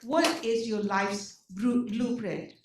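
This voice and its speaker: In a large, echoey meeting room, a woman with an Indian accent addresses service providers animatedly, slowly and in a slightly high voice. Rhetorical questions and repeated "okay?" check-ins fill her nonprofit presentation, captured from a distance with faint background noise.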